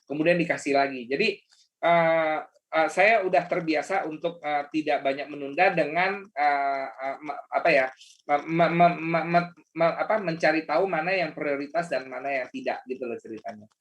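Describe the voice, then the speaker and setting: Speaking over a video call, a man coaches his audience in a casual motivational webinar, chatty and full of fillers and restarts. His voice is a little high and fairly bright, at a normal speed.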